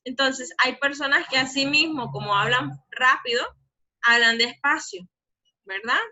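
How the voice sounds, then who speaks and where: A woman's voice: sits high, sharp tone. A woman teacher explaining a physics lesson, often checking in with the class. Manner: explanatory, often asks "¿verdad?" to check understanding; says she talks fast.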